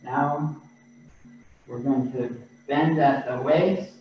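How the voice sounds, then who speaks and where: A man leading a qigong exercise class over a video call, giving calm, patient breathing cues. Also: medium pitch, very slow, soft background music. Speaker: qigong instructor. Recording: echoey distant video-call audio, dull and lo-fi.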